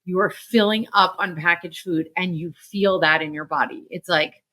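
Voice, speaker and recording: A woman's voice: on the low side, normal speed, sharp tone. A woman podcast co-host in casual chat, joking and self-deprecating.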